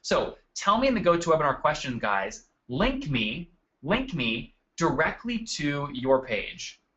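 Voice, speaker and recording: Upbeat male webinar host, bright edgy tone, casual and chatty, slightly muffled desk audio. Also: fairly high pitch, big pitch swings, measured pace. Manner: upbeat, addresses attendees by name. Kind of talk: live marketing webinar presentation. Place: at a desk indoors.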